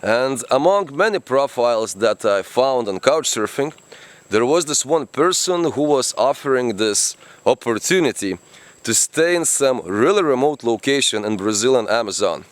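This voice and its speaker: A man's voice: mid-range voice, lively intonation, normal speed, no echo. A man narrating a travel vlog in a chatty way, with slightly non-native phrasing. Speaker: travel vlogger. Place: outdoors in the rainforest.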